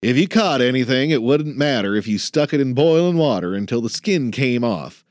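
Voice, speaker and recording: A man voices a grumpy old male janitor, pitching above his own natural voice to deliver gruff, blunt lines in folksy slang. The voice is medium-pitched and darkish, with lively intonation at a moderate pace. The recording is dry and studio quality.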